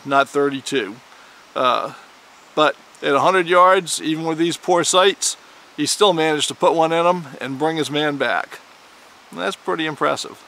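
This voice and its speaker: A man hosting a firearms video, telling an old frontier tale in a folksy, animated way. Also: a little high. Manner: animated storyteller, with dramatic shouted quotes. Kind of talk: folksy historical storytelling.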